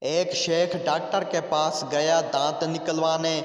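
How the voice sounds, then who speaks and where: A man narrating a string of short jokes in a steady, scripted reading. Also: fairly high pitch, a little slow, raised voice. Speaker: joke narrator. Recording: echoey room with long reverb.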